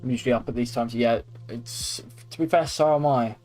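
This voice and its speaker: A young man streams a game from his PC, chatting casually into a microphone with music playing behind him. His medium-pitched voice is a little fast and darkish in tone, and he rambles with some swearing.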